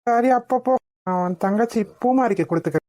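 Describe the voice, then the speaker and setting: A woman's voice: on the high side, quick pace, mellow, no room sound, lightly acted. A woman voicing a playful, teasing young husband in a cartoon. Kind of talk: animated cartoon voice acting.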